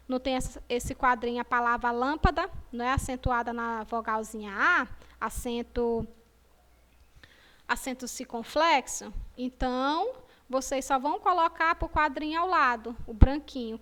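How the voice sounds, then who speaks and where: A Brazilian woman teaching a video lesson for young children, with a high-pitched voice. Her tone is bright and clear, and she speaks in a slow, sing-song way, stretching out the words she wants the children to repeat. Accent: Brazilian Portuguese. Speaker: primary school teacher.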